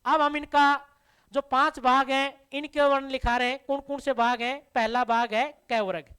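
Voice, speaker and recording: A woman's voice: high-pitched, steady tone, normal speed, a bit bright, clean tone. A woman teaching a classroom grammar lesson, asking the class questions and answering them herself to drill the terms. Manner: addresses listeners as dear children.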